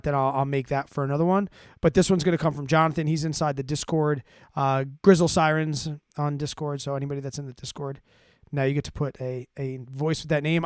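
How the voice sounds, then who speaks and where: Fielding listener questions on his finance livestream, a man explains things in a relaxed, conversational style, regularly checking in with "right?" and "okay?". His smooth voice leans high, recorded with clean studio sound and no room echo.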